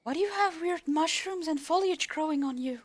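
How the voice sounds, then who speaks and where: Very high voice-changer adventurer from a player who asks blunt, prying questions. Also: a little fast. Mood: curious. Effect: voice changer raising the pitch. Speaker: tabletop game player. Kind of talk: in-character roleplay dialogue.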